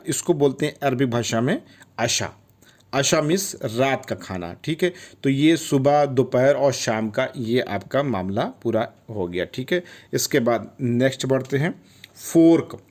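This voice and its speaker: A man's voice: medium pitch, darkish tone. A man teaching Arabic vocabulary in Hindi, patiently explaining each word and repeating it with frequent check-ins. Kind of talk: vocabulary lesson.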